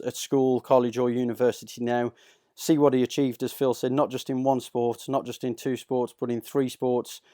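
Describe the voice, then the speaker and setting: A man speaking earnestly in an interview, in a flat, even voice with a mellow, smooth tone. The sound is dry and close, and his sentences stall and restart here and there. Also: mid-range voice, no echo. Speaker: guest. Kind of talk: tribute in an interview.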